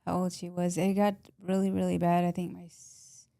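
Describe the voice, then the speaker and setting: A woman from Texas answers interview questions in a soft-spoken, plain way, keeping her replies short. Her voice sits low with a flat, gravelly, mellow tone. The sound is close and dry. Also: moderate pace, dry recording. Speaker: podcast guest.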